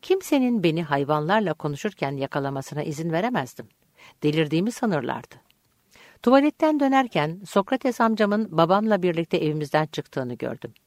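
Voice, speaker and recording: A woman reading an audiobook chapter aloud in calm, measured scripted narration. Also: low-pitched, dry recording, clean studio sound.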